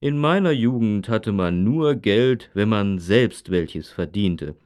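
A man's voice: on the low side, lively intonation, slow, darkish tone. Guy playing grumpy old dad in a lesson dialogue, grumbles about today. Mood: grumbling, nostalgic. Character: grumpy old father nostalgic for the good old days. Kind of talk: scripted language-lesson dialogue.

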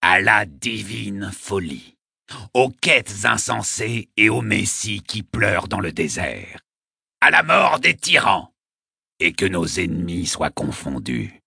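A raspy, cantankerous ancient poet, as an audiobook narrator puts him on, pitched a little above the reader's own low, husky voice. He swings between solemn pronouncements and biting sarcasm. The sound is dry and close. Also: takes it slowly, bright, forceful tone, dry recording, exaggerated voice. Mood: toasting. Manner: solemn, sardonic outbursts. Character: ancient frail male poet, cantankerous and grandiose.

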